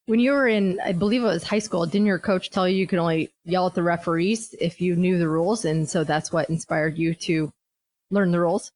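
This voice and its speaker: Host: woman, lowish pitch, friendly interviewer asking leading questions. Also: fairly even intonation, brisk, a little mellow, no echo. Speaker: podcast host.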